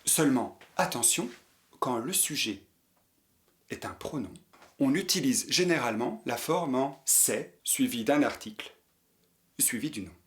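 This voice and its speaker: A French teacher gives a slow lesson for learners, patiently repeating each example sentence so they can copy it. His medium-pitched voice is expressive and a bit bright, and he speaks a little slowly with long pauses.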